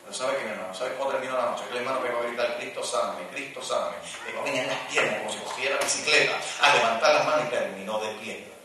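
Fervent preacher in echoey church. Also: male voice, medium pitch, rapid-fire, hardly any pauses. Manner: swings between loud fervent exclamations and quiet asides. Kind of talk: charismatic sermon. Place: large church at a conference. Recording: echoey church from some distance, faint noise.

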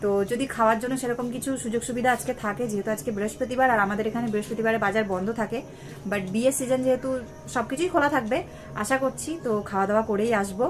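There's a noisy background as this young vlogger from West Bengal, India, talks very fast to her viewers at home, addressing them like friends. Her high-leaning voice holds steady, carrying a Bengali accent.

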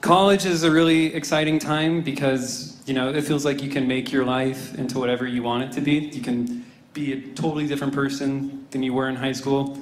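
A man in his twenties does a dry, self-deprecating stand-up set on a club stage, holding a handheld mic and peppering his lines with "you know" and "I don't know." His voice is mid-range, steady, and brisk in a roomy space. The live club recording catches audible crowd noise and laughter between lines.

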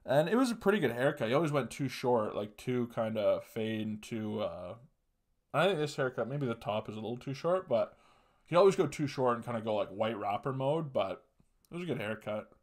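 A man's voice: mid-range voice, fairly quick. Young male podcast host from Canada, loose and profane, rambling comic anecdotes, home webcam sound. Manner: rambling, profane, animated storytelling. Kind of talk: casual comedic storytelling. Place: small room at home, indoors.

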